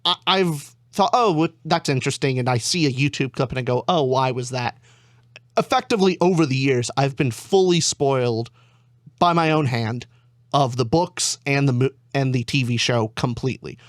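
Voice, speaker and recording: A man's voice: mid-range voice, normal speed, dry recording, studio quality. A young man as a guest in a casual chat, telling stories in a wry, teasing way. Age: young adult.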